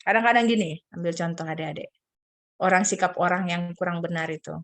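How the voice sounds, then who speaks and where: A woman's voice: lowish voice, a little fast, fairly bright tone. A middle-aged woman giving a casual children's sermon over a video call, explaining forgiveness and now and then acting out squabbling kids and God in raised, playful voices.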